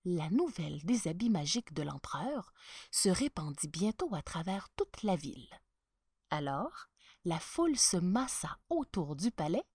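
A woman reading a storybook aloud, slipping into hushed tones with dramatic pauses. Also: mid-range voice, dry recording, clean studio sound.

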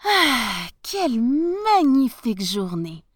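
An excitable, easily delighted male professor, as a woman puts him on in a storybook reading, exclaiming high and breathless with wonder. His voice swoops up and down as he marvels. The recording is dry and close. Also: slow pace, dry recording, heavily acted. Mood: cheerful.

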